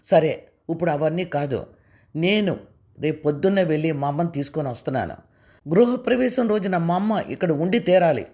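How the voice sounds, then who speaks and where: A woman's voice: on the low side, animated, normal speed, pauses often, darkish tone, close to an everyday voice. A woman voicing a long-patient young husband who speaks firmly and insistently. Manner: firm and insistent.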